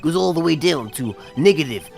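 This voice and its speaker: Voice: mid-range voice, expressive, brisk, gravelly, darkish tone, soft background music. A performer voicing a bumbling, cheerful male detective sidekick in an improvised comedic fan dub, goofy and eager.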